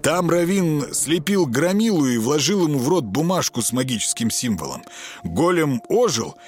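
A man's voice: a little high, sing-song, moderate pace, soft background music, pitched above the performer's own voice. Man voicing assured, lecturing Kostik. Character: eager know-it-all young man Kostik. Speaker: character in audiobook.

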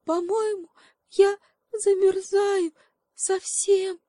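A woman's voice: extremely high pitch, flat delivery, extremely slow, dark tone, no echo, studio quality, pitched above the performer's own voice, heavily acted. A woman voicing a frightened, freezing little female monkey who whimpers her lines. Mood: whimpering. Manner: whimpering, tearful.

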